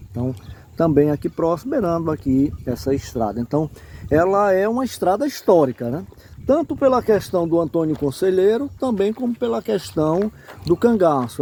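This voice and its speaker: Speaking with a Northeastern Brazilian accent, a man from the Sergipe backlands gives an improvised, didactic account of local history, often tossing in check-in tags. His voice is a little high and mellow, and the recording carries slight hiss or hum.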